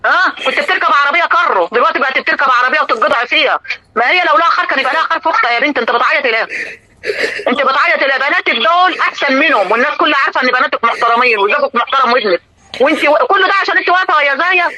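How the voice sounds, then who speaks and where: An older woman with an Egyptian accent hosting a live stream, talking in an indignant, scolding, rapid-fire way to her viewers and a caller. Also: sits high, lively intonation, bright, forceful tone, slight background noise, rough recording. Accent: Egyptian Arabic.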